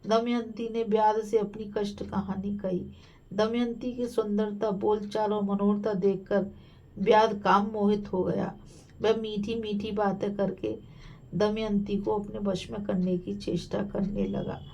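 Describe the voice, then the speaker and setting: A woman storyteller narrates an ancient epic in a measured, solemn voice. Her pitch sits in the middle for a woman. She reads at a very unhurried pace. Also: flat delivery, creaky, darkish tone, poor audio.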